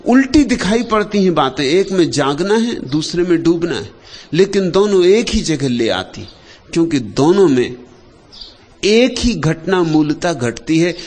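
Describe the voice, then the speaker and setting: A man giving a spiritual discourse, speaking slowly with long pauses, dropping to soft low phrases and rising to loud emphatic ones. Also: big pitch swings. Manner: slow, unhurried delivery with long pauses and lists. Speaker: spiritual teacher.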